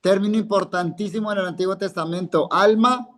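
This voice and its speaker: A man's voice: high-pitched, fairly even intonation, fairly quick. A male Hebrew teacher, giving a live classroom lesson and patiently quizzing students by name, repeating each word. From Colombia.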